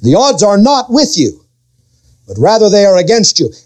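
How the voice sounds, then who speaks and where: High-voiced male pastor preaching. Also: huge pitch swings, normal speed, darkish tone. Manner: preaching with sudden pitch swings and quoted voices. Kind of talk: sermon.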